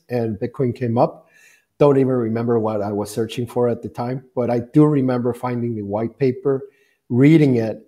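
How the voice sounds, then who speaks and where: A man in his forties from Guatemala, a company founder speaking as a guest on a video call with an earphone mic, telling his story in a relaxed way with plenty of fillers. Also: medium pitch. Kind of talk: conversational interview answers. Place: bright office room, indoors.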